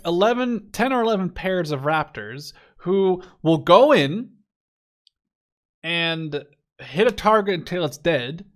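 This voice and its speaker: A Dutch man in his twenties with a fairly high, slightly bright voice hosts a gaming video. His commentary on the game is casual, rambling, and enthusiastic, with plenty of informality and swearing.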